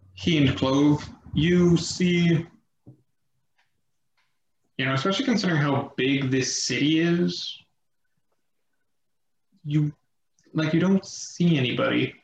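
A man runs a tabletop game as its game master, unhurried and halting, filling pauses as he describes the scene. The recording is muffled and roomy, with a faint hiss behind him. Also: medium pitch. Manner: slow, halting narration full of fillers.

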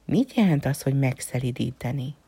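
A curious little boy prince , as a woman plays him asks eager questions in a lifted but breathy voice. The storybook reading sounds close and dry. He is earnest and open. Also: extremely low pitch, animated, dark tone, no room sound, exaggerated voice.

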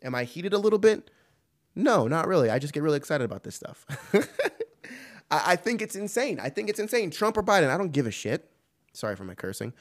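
A man's voice: a little high, big pitch swings, a little fast. A man hosting a podcast, giving impassioned solo commentary with emphatic repeats and rhetorical questions. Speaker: podcast host.

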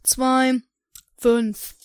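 A woman playing a cocky eighth-grade boy, all street slang and mangled grammar, bored and rude in a comedy role-play. The voice sits very high and sounds close and dry. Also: little pitch movement, extremely slow, no echo. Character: cheeky slang-talking male eighth-grade pupil.

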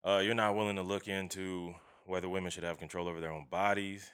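A man's voice: sits low, little pitch movement, quick pace, a bit bright, smooth. A man chatting casually in an emphatic, slangy, profane way, often checking that the listener agrees. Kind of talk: casual opinionated chat.

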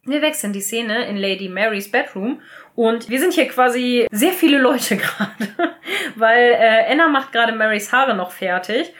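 A young woman co-hosting a casual recap podcast, retelling scenes in a lively, chatty way with lots of fillers. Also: a little high, moderate pace. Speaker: podcast co-host.

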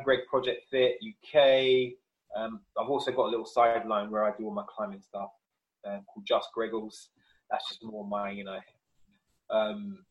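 Recorded with lo-fi sound, a personal trainer speaks as a fitness podcast guest in a low-leaning voice. His talk is an easygoing chat, full of informal explanation.

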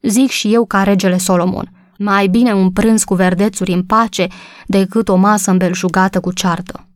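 A woman's voice: mid-range voice, fairly even intonation, dry recording, lightly acted. A good-humoured young husband in a storybook, teasing in an easygoing way, as a woman reading aloud puts him on. The recording is close and dry. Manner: joking, easygoing.

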